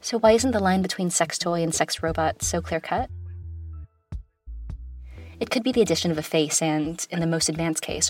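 Female narrator for an opinion podcast: slightly low voice, smooth and composed like an audio guide, conversationally wry, light music bed. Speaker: podcast host.

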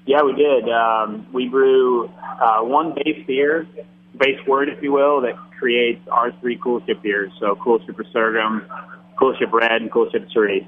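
A man's voice: mid-range voice, fairly even intonation, measured pace. Man on a tinny phone speaker. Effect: heard over a phone speaker. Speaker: head brewer. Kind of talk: explaining. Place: noisy bar. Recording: tinny phone line from off-mic with hum.

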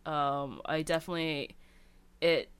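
A woman from a Cantonese family background, with a notably low, smooth voice, talks casually and a little slowly about her favorite video games. She rambles, piling up fillers and restarting sentences.

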